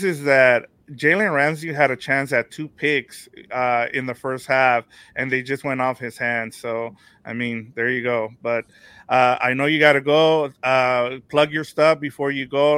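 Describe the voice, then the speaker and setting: A young man with a bright, clean, resonant voice at a middle pitch talks in an easygoing way as a co-host, moving the conversation along. The sound is close and dry. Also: fairly even intonation, a little slow, clean tone, no room sound. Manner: easygoing and agreeable, steering the show along. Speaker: podcast producer and co-host. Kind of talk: casual post-game podcast chat.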